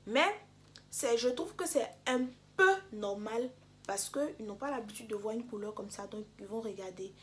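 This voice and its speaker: A young woman vlogger telling a storytime to her viewers, animated and direct, often dropping to soft, near-whispered asides. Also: fairly high pitch, moderate pace, slight background noise. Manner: talks straight to viewers. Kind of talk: storytime vlog.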